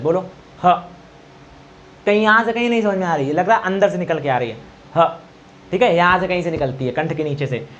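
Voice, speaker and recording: A male teacher giving an exam-prep grammar lesson, quizzing students, repeating answers and slowly demonstrating sounds. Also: high-pitched. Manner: quizzing, repeats answers, asks "okay?" often. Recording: dull lo-fi recording.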